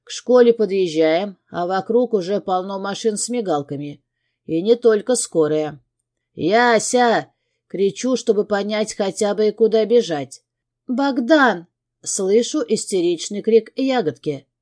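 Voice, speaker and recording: A woman's voice: medium pitch, animated, normal speed, dark tone. A woman narrating a first-person novel as an audiobook, reading in a tense, dramatic way.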